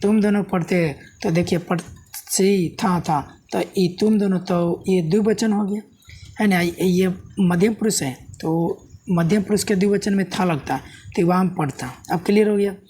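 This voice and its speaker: In a classroom-style video, a man walks through Sanskrit grammar step by step, repeatedly asking the viewer questions and checking with "है ना?". His voice is high with a dark tone, the pace a little slow, over slight background noise.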